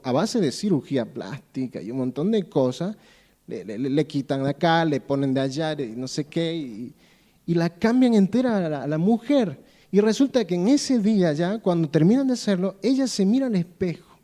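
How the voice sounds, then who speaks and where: A man's voice: a little high, animated, normal speed, warm tone. A man preaching to his church in a conversational way, repeating phrases for emphasis and telling stories with many fillers. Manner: repeats phrases for emphasis, addresses listeners directly; storytelling with many fillers and restarts. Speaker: pastor. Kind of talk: conversational sermon.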